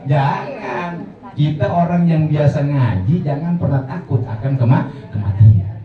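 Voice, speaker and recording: Lively preacher with a twang. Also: male voice, fairly high pitch, a little slow. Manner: lively, jokey, acts out voices of the dead and pilgrims. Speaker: preacher at a women's study circle. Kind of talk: informal religious talk. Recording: echoey hall, distant mic, muffled.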